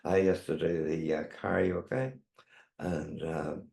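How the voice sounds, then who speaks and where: Older northern irish guy, low voice, chatting and rambling through old stories, echoey room. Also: steady tone, slow, creaky, a little mellow. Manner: rambling, chatty storytelling with repeated tags. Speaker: interview guest, veteran drag queen. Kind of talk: casual reminiscing chat.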